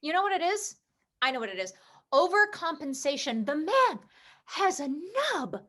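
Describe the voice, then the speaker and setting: A heartbroken young female sports reporter, sharp-tongued and sarcastic, as an actress reads her in a comedy play reading. Her voice sits high and bright, and she swings into emotional outbursts. It is heard over a video call. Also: sing-song, normal speed, heavily acted. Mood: mocking.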